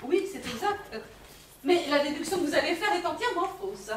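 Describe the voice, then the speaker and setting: A woman's voice: sits high, moderate pace, a little hiss or hum. A woman playing a snobbish wife in a stage comedy, denying everything in a lofty tone. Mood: haughty. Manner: lofty, denying, lively intonation. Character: snobbish, haughty married woman. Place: theatre stage. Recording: echoey hall from far off.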